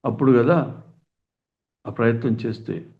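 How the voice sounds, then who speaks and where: A middle-aged man delivers a spiritual discourse in an earnest, questioning tone, with folksy asides. His voice sits at an ordinary middle pitch. The recording is thin and tinny, like a phone line. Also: measured pace. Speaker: spiritual teacher.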